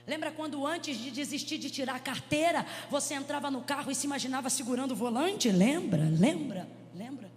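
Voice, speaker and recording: A woman pastor with a Brazilian Portuguese accent, preaching a Pentecostal sermon into a handheld mic, swinging from hushed storytelling to shouts. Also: high-pitched, fast talker, hardly any pauses. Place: large church hall. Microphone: handheld microphone. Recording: reverberant church hall with music.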